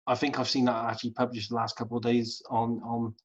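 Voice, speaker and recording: A man hosting a casual group video call, speaking in a halting way and repeating words as he thinks aloud. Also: medium pitch, level tone. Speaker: host. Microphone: video call mic. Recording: dull lo-fi video call audio.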